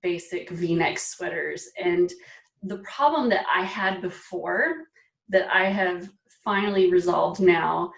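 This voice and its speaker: A woman in her forties, a style expert being interviewed, talking in an animated, emphatic way and laughing often. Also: fairly low pitch, takes it slowly, vocal fry, reverberant, distant mic. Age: 40s. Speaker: guest, personal style expert. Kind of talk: casual interview chat.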